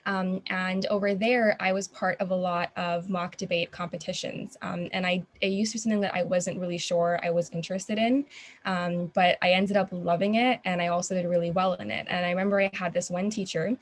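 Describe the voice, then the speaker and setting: A woman's voice: on the low side, steady tone, brisk. Chatty young woman from Qatar. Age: young adult. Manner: earnest, chatty, frequent ums. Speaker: guest, student founder of an organization. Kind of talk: interview.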